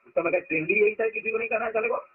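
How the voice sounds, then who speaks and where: A man's voice: high-pitched, rapid-fire, background noise. A man giving a spiritual discourse to followers, telling stories and stressing words to make his point. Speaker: spiritual teacher. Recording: lo-fi phone-like recording.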